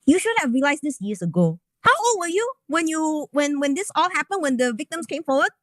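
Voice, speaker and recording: A woman's voice: sits high, very animated, brisk, fairly bright tone, no echo. A woman on a heated voice call, lecturing someone and mocking her in quoted voices. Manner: lecturing, mocks the other person in quoted voices. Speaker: caller in a voice call.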